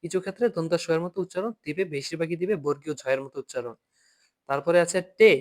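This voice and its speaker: Higher-voiced man teaching a German class. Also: fast talker, a little mellow. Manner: patient, repeats each point, asks students to read aloud. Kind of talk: online class lesson. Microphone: video call.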